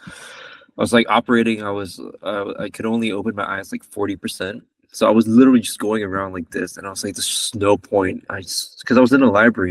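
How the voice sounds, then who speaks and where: A young man from Malaysia talks as a podcast guest, joking and rambling as he keeps correcting himself. His voice sits a little low. It sounds dry and slightly distant from the mic. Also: dry recording. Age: 20s. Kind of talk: casual chat.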